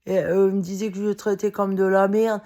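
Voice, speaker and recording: Her voice is mid-range and mellow, a bit fast, with little pitch movement. A worn-out woman vlogging to camera, she delivers a casual, heated, meandering monologue full of fillers, swearing and quick laughs.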